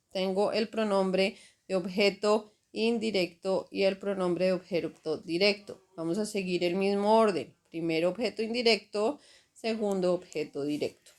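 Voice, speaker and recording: A woman teaching a grammar lesson over slides, explaining patiently and checking in with "ok?" and "right?" after each step. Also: medium pitch. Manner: slow, patient explaining with frequent "¿ok?" and "¿cierto?" checks. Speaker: Spanish teacher.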